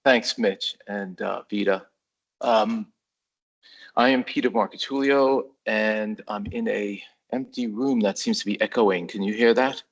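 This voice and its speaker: A man speaking slowly and apologetically on a video call from an empty room that echoes. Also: lowish voice, steady tone, husky.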